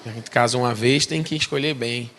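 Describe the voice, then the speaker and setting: A man's voice: mid-range voice, fairly quick, fairly bright tone. A man in his forties from Recife with a Pernambuco accent, giving a chatty testimony in church as a missionary and talking straight to the congregation. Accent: Pernambuco Brazilian Portuguese. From Recife, Brazil. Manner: conversational, chatty asides to the congregation.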